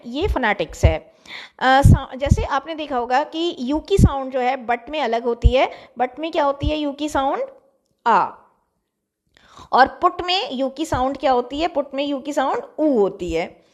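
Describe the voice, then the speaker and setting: Woman lecturer, high voice, classroom lecture, repeats and rephrases definitions. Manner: repeats and rephrases definitions, reads English lines slowly. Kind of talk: classroom lecture mixing Hindi and English.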